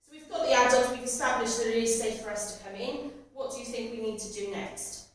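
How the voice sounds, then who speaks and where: A woman's voice: fairly high pitch, brisk. A woman teaching a practical first aid class, putting questions to learners in an instructional manner. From Cardiff, Wales. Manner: instructional, repeats learners' answers back. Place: echoey indoor training room. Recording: very echoey room, distant mic, faint noise.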